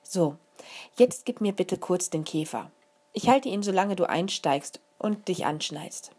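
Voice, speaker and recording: A woman voicing a gentle mother who explains things to her small daughter in a lively, patient way. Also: on the low side, measured pace, slightly rough, full character voice. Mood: cheerful. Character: warm, careful mother of a small girl.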